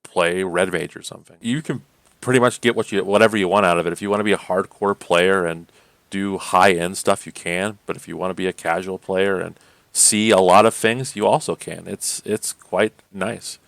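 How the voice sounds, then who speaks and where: Gravelly low-voiced man chatting casually. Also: steady tone, moderate pace, fairly bright tone, no echo. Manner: rambling, full of "like" fillers, laughs often. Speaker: podcast co-host. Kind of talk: casual gaming chat.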